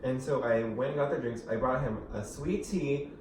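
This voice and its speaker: A young man co-hosting a casual chat, rambling through anecdotes with constant fillers. He sits well back from the mic in a very echoey room, with clear background noise. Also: mid-range voice, moderate pace, darkish tone, far from the mic. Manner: rambling storyteller, fillers and laughs. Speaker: co-host.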